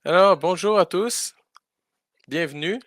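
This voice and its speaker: A man's voice: high-pitched, slow, fairly bright tone, no echo. A man doing live spoken interpretation for a school farm tour, hesitating often with fillers and restarts.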